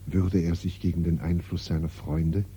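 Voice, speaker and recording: An actor speaking the uneasy inner monologue of a brother troubled by his mission, in a husky, brooding way, in a classic radio drama. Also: low-pitched, flat delivery, moderate pace, mellow, slight background noise, natural voice. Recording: dull old radio recording.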